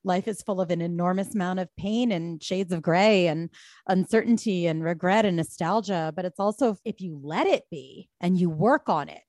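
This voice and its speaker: A woman in her forties, a podcast guest telling personal stories in an animated way, swearing freely and laughing often. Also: on the low side, normal speed, no room sound, clean studio sound. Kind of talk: candid conversational interview.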